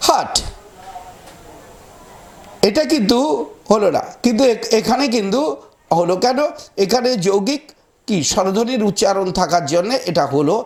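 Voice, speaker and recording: In a pronunciation lesson, a man with a high-sitting, darkish voice spells words out letter by letter. He speaks to his students directly and goes over words slowly, more than once.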